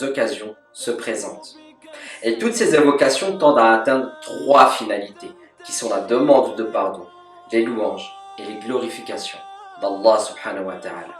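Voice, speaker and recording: This is a religious teacher, a calm and measured man with a mid-range voice whose first language is French, delivering a scripted voice-over lesson in a devotional manner sprinkled with Arabic formulas. The sound is roomy and echoey, picked up from a distance.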